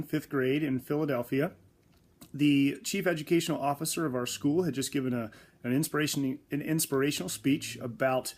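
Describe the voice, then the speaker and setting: A young man speaking in a medium-pitched voice, recounting his early teaching days at an unhurried pace. He talks in a measured, reflective way and often pauses with small fillers. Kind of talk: reflective spoken storytelling.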